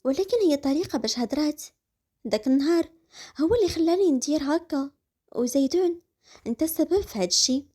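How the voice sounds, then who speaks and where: A woman's voice: animated, fast talker, dark tone. A woman with a Moroccan accent voicing a furious, jealous young husband, angry and accusing. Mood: defensive. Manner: angry, accusing, lower-pitched.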